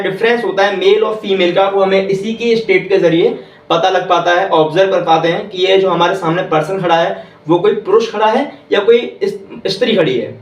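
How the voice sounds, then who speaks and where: A man teaching English grammar in a classroom, repeating each point slowly and quizzing the listeners. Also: sits high. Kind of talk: classroom lesson. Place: classroom with whiteboard. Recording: echoey room, voice from far off.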